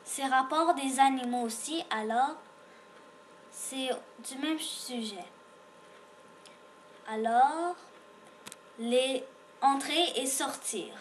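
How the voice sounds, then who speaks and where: A woman's voice: sits high, drawn-out words, pauses often, slight background noise. A woman teaching beginners to read, sounding out letters and repeating each word patiently. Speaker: French reading teacher. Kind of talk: slow beginner reading lesson.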